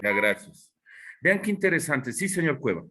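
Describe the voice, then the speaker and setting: A man's voice: a little high, big pitch swings, moderate pace, sharp tone, slight background noise. A man, a teacher giving class instructions and checking that students understood. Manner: explaining, checking understanding with questions.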